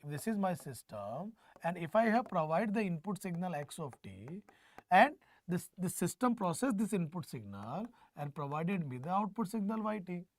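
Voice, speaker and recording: Lecturing his online exam class, this North Indian–accented teacher sounds animated, his voice sitting high at a moderate pace in a dry recording. He blends Hindi phrases into English, repeats phrases to stress points, and keeps questioning his students.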